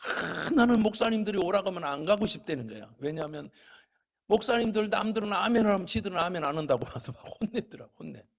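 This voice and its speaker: A middle-aged pastor preaching a sermon, telling homely stories between loud calls to his congregation. His voice is husky and gravelly, pitched a little high. He drops into quiet, chatty asides before climbing back to ringing exhortation. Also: animated, fast talker. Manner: folksy storytelling, swinging from loud exhortation to soft asides. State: a little unwell.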